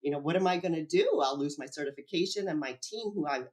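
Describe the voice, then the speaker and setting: A woman telling her story as an interview guest, animated, acting out dialogue and laughing often. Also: low-pitched, quick pace. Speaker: whistleblower guest.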